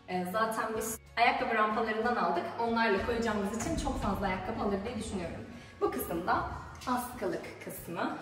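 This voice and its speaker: Young woman with a cave-like echo. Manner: chatty, addressing viewers directly. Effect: cave-like echo of bare empty rooms. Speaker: vlogger. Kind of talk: casual home tour vlog. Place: empty unfurnished apartment indoors. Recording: booming echo in an empty hall, far from the mic.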